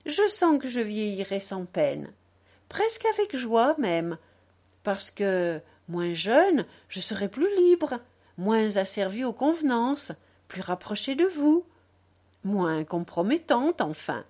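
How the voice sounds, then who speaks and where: A woman reading a novel aloud, voicing a radiant young society lady who speaks with bright, gushing effusion. Her voice sits well above the narration and swings widely in pitch, with an unhurried, lingering pace. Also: very animated. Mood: tender. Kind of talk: audiobook character reading.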